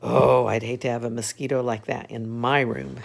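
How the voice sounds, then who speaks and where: An older woman with an elderly voice reads a children's book aloud as a grandmother would, in an unhurried, folksy way with chatty asides. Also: a bass voice, fairly even intonation, gravelly.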